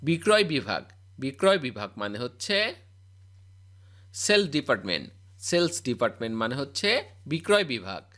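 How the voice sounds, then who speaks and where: A man's voice: mid-range voice, sing-song, moderate pace, pauses often, sharp tone. A man reciting a scripted vocabulary drill as a spoken English teacher, repeating each word and its meaning.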